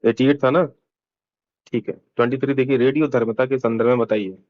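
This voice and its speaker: A man explains exam questions in a relaxed, conversational lecture, checking in with his students as he goes. His mid-pitched voice sits close to the mic in a dry space. The sound is a little muffled and lo-fi. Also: dry recording. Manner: chatty, explains step by step, mixes English terms into Hindi. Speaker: exam coaching teacher. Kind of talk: casual exam-prep lecture.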